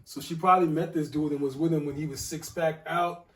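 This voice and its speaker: A man in a casual podcast chat, blunt and emphatic, quick to agree. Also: fairly high pitch, steady tone, a bit bright, far from the mic. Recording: roomy sound from off mic.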